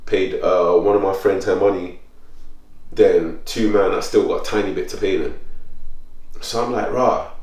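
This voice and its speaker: A podcast host with a deep voice tells stories in casual, slang-filled chat at a moderate pace with long pauses, his voice jumping up when he gets worked up. The sound is roomy, with the mic a bit distant.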